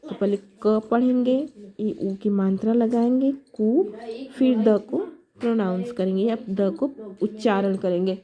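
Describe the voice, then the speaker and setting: A woman teaching a shorthand lesson, explaining step by step in a patient, repetitive way. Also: medium pitch. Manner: slow, patient, repeats each letter aloud. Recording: dull lo-fi sound with faint noise.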